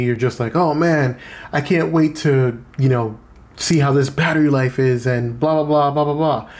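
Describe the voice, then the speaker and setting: A man talks viewers through a gadget fix in a relaxed, conversational walkthrough. His voice sits at an everyday middle pitch. He keeps things informal and drops in little joking asides. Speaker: tech video host. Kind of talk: casual how-to walkthrough.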